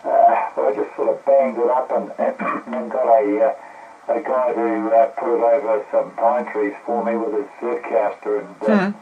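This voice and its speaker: A New Zealand man chatting over a ham radio link, relaxed and halting, full of ums and uhs. His voice comes through a narrow, tinny shortwave receiver with a steady wash of static behind it. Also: medium pitch. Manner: easygoing, halting, many fillers. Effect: heard over a shortwave radio receiver. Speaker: amateur radio operator. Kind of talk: casual ham radio contact.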